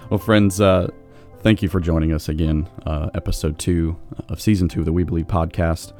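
A man co-hosting a church podcast in a very deep, low voice. His tone is dark and mellow, and he chats casually before signing off. Faint music plays under him. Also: steady tone, brisk. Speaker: podcast co-host. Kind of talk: casual church podcast chat, closing sign-off.

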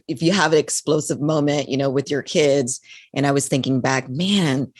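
A woman's voice: very deep voice, husky, no echo. A woman hosting a podcast, encouraging and reacting with enthusiasm to her guest. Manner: warmly encouraging, reacts with "so cool". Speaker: podcast host. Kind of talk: casual podcast interview.

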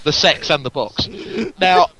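A man's voice: on the high side, measured pace, over music, rough recording. A man co-hosting a podcast in casual chat, full of jokey, playful banter. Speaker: podcast co-host.

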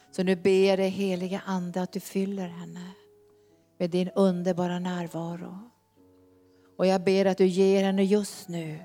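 A woman leads charismatic prayer in a fervent, repetitive way, sometimes speaking in tongues. Her voice sits at a middle pitch. Soft instrumental music plays faintly behind her. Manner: fervent, repeats phrases, slips into speaking in tongues. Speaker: prayer leader.

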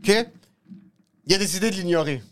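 A man with a high voice and a Québécois French accent co-hosts a casual podcast. He tells a crude comic story in an animated, joking way. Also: brisk. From Quebec. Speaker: podcast co-host.

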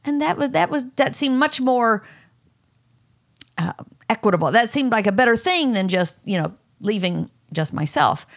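A woman's voice: lively intonation, moderate pace. Earnest middle-aged woman telling her story. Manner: earnest storytelling, voice jumps high when quoting herself. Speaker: mother. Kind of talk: candid personal conversation.

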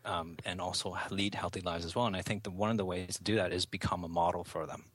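Deep-voiced bright male podcast host. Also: steady tone, quick pace, slightly rough, dry recording. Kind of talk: casual health podcast chat.

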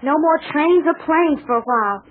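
A chatty young traveler in old radio. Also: female voice, high-pitched, expressive, fairly quick. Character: cheerful young woman traveler. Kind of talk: 1940s radio acting. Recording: phone-like old radio transcription.

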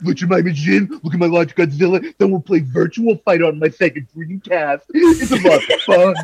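A man's voice: high voice, fairly quick, a little mellow, a little hiss or hum. A man doing a brash Boston-accented boss. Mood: boastful. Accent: exaggerated Boston. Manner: boastful, bossy, laughing at himself. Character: brash, sociopathic middle-aged male ex-boss.

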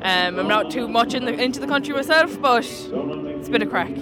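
A woman's voice: a little high, lively intonation, a little fast. A young woman from Galway with a west of Ireland accent, answering casually in a street interview. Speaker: festival visitor being interviewed. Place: outdoors in a busy town square outside a pub. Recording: outdoor recording, very loud music behind. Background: loud country music.

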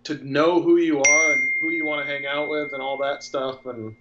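A man's voice: fairly high pitch, fairly even intonation, moderate pace, heavy background noise. A man in his thirties, a filmmaker guest in a casual interview, talking in a reflective, earnest way. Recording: dull lo-fi sound.

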